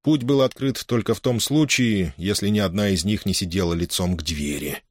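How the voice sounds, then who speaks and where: A man narrating a historical novel in an expressive, dramatic reading style. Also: low voice, normal speed, dry recording, clean studio sound. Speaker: audiobook narrator. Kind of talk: scripted narration.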